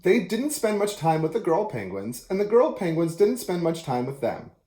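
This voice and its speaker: A man reading a children's picture book aloud as an expressive storyteller, in an echoey room. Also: high-pitched, normal speed.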